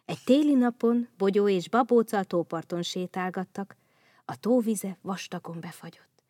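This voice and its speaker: A woman reading a children's story aloud, calm and clear. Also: medium pitch, no room sound, clean studio sound.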